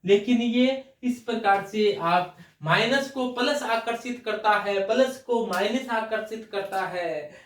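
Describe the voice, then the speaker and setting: A man's voice: sits high, fairly bright tone, far from the mic. A man teaching a chemistry class, explaining step by step and answering his own questions. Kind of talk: classroom lecture. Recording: roomy echo, voice from off mic.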